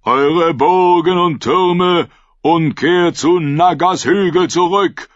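A man voicing a fervent prophet in an audiobook, preaching to his followers in a slow, raised, solemn manner. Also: a little high, no echo, voice pushed up. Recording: dull lo-fi dry recording.

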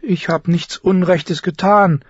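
A man putting on a spoiled teenage noble girl from a storybook reading, petulant and whiny, her voice pushed very high above his own and loud. She pleads and complains in a steady indignant whine, with a husky edge, on a slightly dull lo-fi recording. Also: moderate pace, no room sound. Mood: pleading.

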